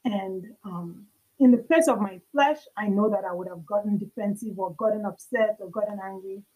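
A woman's voice: mid-range voice, moderate pace, mellow, breathy edge, low-quality recording. A young adult woman, a podcast guest, earnestly telling a personal faith story in conversation, acting out the dialogue as she recounts it.

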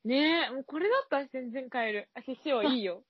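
A young woman with a fairly high, husky voice chats and giggles, tripping over syllables as she mimics how things sound. The recording is dry and a little dull. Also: lively intonation, brisk, no echo. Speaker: podcast co-host. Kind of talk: casual chat.

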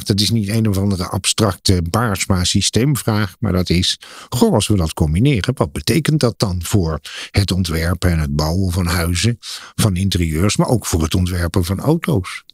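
A man's voice: lowish voice, slightly rough, no room sound, clean studio sound. A man, a professor and guest expert, explaining in a podcast interview, building his points in emphatic lists like a lecturer.

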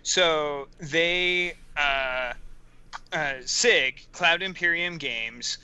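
Male podcast co-host, very bright and clear voice, brash and profane. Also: a little high, extremely slow. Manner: loud, profane, animated storytelling. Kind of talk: casual podcast chat.

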